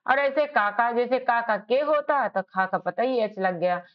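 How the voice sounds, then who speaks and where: A woman's voice: fairly high pitch, measured pace. A woman teaching basic spelling, sounding words out letter by letter and checking in often with "ok". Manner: checks in with "ok" and "theek hai". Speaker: English teacher. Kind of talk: slow spelling lesson. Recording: dull lo-fi sound.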